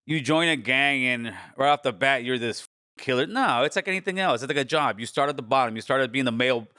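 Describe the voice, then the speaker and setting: A man in his forties, born in Honduras, telling his life story as a podcast guest in a laid-back street manner that turns animated when he quotes people. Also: mid-range voice, brisk, dry recording, studio quality. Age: 40s. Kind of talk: casual storytelling interview.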